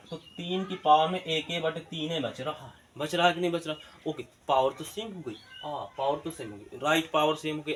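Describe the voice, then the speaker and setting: A man with a slightly high, somewhat bright voice teaches a math lesson for a classroom-style video, with slight background noise. He poses questions and answers them himself, speaking colloquially with eastern Hindi words.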